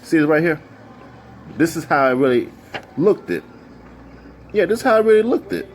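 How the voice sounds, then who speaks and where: A man telling a story casually, excitable and jumping into high squeals when he quotes people. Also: normal speed, a little hiss or hum.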